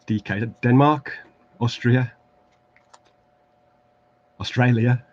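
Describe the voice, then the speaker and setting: Working at an indoor home craft desk, this livestream host builds tabletop terrain and talks in a rambling, self-deprecating way, full of fillers and restarts, in an English Midlands accent. He speaks very slowly in a steady, mid-range voice; the audio has its highs cut off and a little hiss or hum.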